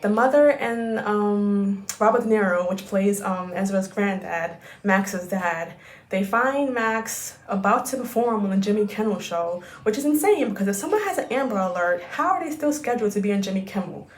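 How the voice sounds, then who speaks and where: A woman vlogger giving a ranting film recap, animated, exasperated and profane. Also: mid-range voice, normal speed, reverberant.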